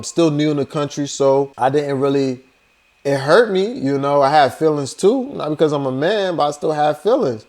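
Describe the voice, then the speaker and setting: This young vlogger from Liberia has a fairly high, slightly mellow voice. He spins casual stories in a relaxed, chatty delivery full of "like" and "you know."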